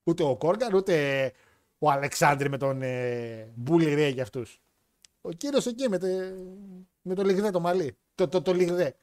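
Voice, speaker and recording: A young man from hosting a wrestling show, joking in a lively, slangy way. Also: a little high, no echo, clean studio sound. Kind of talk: casual chat reading chat comments.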